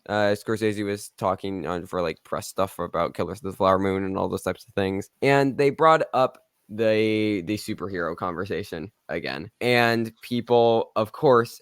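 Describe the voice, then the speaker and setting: A man's voice: fairly low pitch, a little slow, hardly any pauses, smooth, no room sound, studio quality. A man co-hosting a casual film news podcast, rambling and sarcastic, often restarting his sentences. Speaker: podcast co-host.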